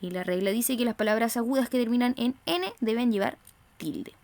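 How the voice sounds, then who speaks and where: Brief: Chilean woman teacher, fairly high voice, slow emphatic stressing of syllables, dry close mic. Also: a little mellow, no echo. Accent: Chilean Spanish. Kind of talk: recorded online grammar lesson.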